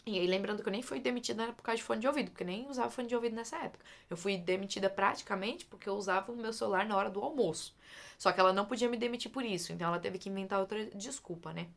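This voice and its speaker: A young woman from Brazil telling a personal story in a casual, lively way, repeating words for emphasis and talking straight to her listeners. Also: mid-range voice, rapid-fire, creaky.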